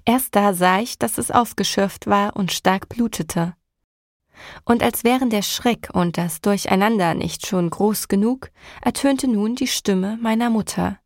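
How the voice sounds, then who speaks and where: Gravelly woman reading a novel. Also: mid-range voice, no echo, clean studio sound. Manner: emotional, measured storytelling. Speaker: audiobook narrator. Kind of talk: first-person novel reading.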